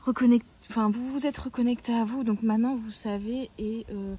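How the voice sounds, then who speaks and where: A woman's voice: fairly high pitch, steady tone, brisk, warm tone, slightly rough. Hesitant woman reading oracle cards. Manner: hesitant, often searching for words. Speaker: tarot and oracle card reader. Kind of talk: weekly card-reading guidance. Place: outdoors, near a tree.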